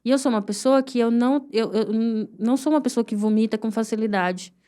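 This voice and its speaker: A Brazilian woman with a higher, mellow, clear and resonant voice shares an emotional personal testimony as a guest. Speaking with a Brazilian Portuguese accent, she tells her story earnestly and haltingly, pausing and repeating herself as she vividly recounts painful memories.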